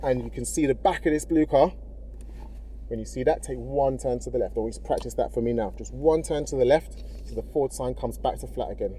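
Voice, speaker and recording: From a car in a car park, amid background vehicle noise, a man teaching driving speaks briskly in a mid-range, dark-toned voice. He offers relaxed, supportive instructions one step at a time and often makes sure the learner understands.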